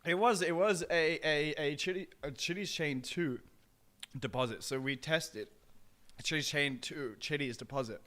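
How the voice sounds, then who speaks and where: A man's voice: on the high side, normal speed, pushed and bright. A man co-hosting a casual chat show while eating hot peppers, his mouth burning from the spice, talking hesitantly with many ums and repeated words. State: mouth burning from spicy food. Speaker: co-host.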